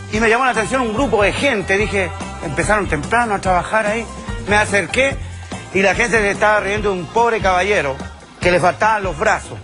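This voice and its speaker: A man in his fifties with a Chilean accent doing a crude, loud stand-up routine, slipping into quick character voices. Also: high-pitched. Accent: Chilean Spanish. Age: 50s. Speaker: stand-up comedian.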